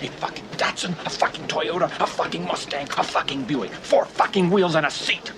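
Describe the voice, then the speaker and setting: A man's voice: a little high, a little fast, noisy background, natural voice. An actor playing a furious stranded man at a car rental counter, ranting with profanity in a film clip.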